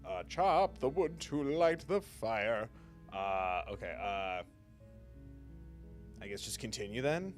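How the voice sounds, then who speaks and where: A man's voice: lowish voice, lively intonation, slow, long pauses. A man livestreaming a game with casual commentary and joking, theatrical asides. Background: faint game music.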